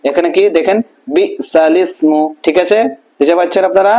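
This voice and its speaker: Teaching a Quran reading lesson, a man with a Bangladeshi Bengali accent slowly sounds out syllables and checks in with his students often. His voice is high and a little mellow, and the audio is poor.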